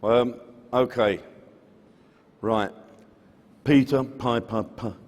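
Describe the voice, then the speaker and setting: A man, a charity chairman, doing a sound check before his speech, his voice booming through a PA as if down a well, fussy and apologetic about the sound. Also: steady tone, very slow, darkish tone. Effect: booming PA echo, like talking down a well. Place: large event hall with a PA. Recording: long-reverb hall through a PA.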